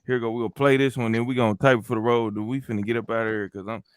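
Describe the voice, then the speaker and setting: A man's voice: medium pitch, flat delivery, very fast, clear, resonant tone, dry recording, clean studio sound. A man hosting a stream, chatting casually in a laid-back, slangy way. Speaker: stream host. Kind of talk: casual chat.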